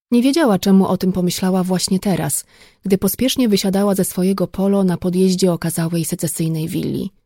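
A woman reading an audiobook in steady, even scripted narration. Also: on the low side, dry recording, clean studio sound.

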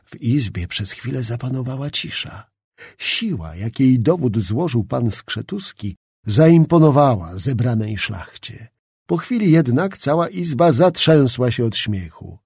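A man's voice: medium pitch, very animated, a little slow, a little mellow, slightly rough, no echo, clean studio sound. A man narrating a historical novel as an audiobook, reading expressively.

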